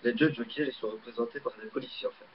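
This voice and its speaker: A fast-talking man with a mid-range voice and a Belgian French accent walks through a card trick as an amateur magician. His casual explanation wanders and stalls with frequent fillers, and the laptop webcam mic gives dull, lo-fi audio with faint hiss.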